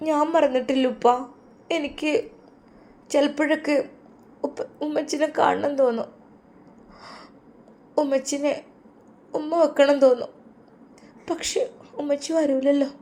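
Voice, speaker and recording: Woman putting on a little malappuram girl, high voice, teary and pleading. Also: expressive, brisk, darkish tone. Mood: sad. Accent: Malappuram Malayalam. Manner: tearful, pleading. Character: young girl missing her absent mother.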